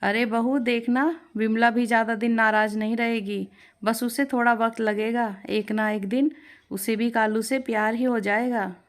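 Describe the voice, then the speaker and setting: A woman voicing a gentle, reassuring older father-in-law. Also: a little high, little pitch movement, moderate pace, natural voice. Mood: kindly. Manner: warm, reassuring.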